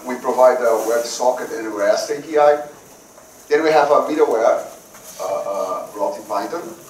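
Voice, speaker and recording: A man from Brazil, giving a technical conference talk in a halting way, often repeating words before going on. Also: mid-range voice, a little mellow. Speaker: conference speaker. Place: conference room. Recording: roomy hall, voice from a distance, faint noise.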